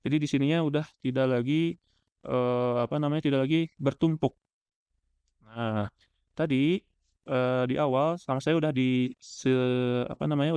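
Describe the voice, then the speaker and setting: A man's voice: medium pitch, darkish tone, smooth, no room sound. A man teaching step by step as an instructor, in an informal, explanatory screen-tutorial style. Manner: informal, explanatory, checks in with listeners. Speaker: animation software instructor.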